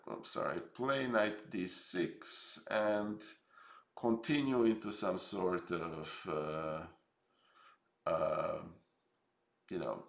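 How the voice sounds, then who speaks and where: A middle-aged man with a Serbian accent, speaking unhurriedly in a low, gravelly voice. He walks through his own chess games on a live stream, halting and thoughtful. The room gives his voice a roomy echo. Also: fairly bright tone. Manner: halting, many fillers, reflective. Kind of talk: live-stream game review.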